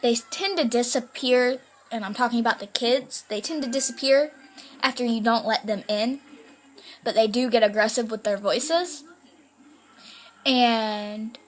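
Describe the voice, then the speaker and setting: A woman vlogger recounting a creepy tale in a loose, chatty manner, leaning on "like" and "kinda". Her voice sits a little high, and she takes her time. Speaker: YouTuber. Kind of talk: casual storytelling vlog.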